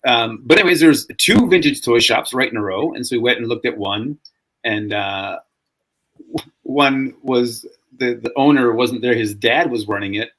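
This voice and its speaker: A man hosts a relaxed podcast chat. His voice sits at an ordinary middle pitch. He tells long stories, often stopping and starting his sentences over. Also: moderate pace. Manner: rambling storyteller, frequent restarts. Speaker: podcast host.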